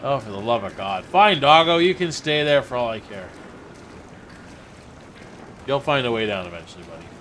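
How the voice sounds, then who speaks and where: A man's voice: mid-range voice, expressive, normal speed, long pauses, fairly bright tone, slight background noise. A man streaming a game, joking around and talking to his in-game dog and his viewers. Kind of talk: casual gameplay commentary.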